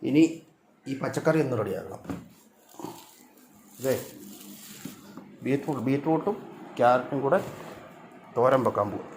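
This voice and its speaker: A man, narrating his home cooking in a relaxed, chatty way. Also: measured pace, pauses often, a little hiss or hum. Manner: chatty, talks fondly to his cats in a higher voice. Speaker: cooking vlogger.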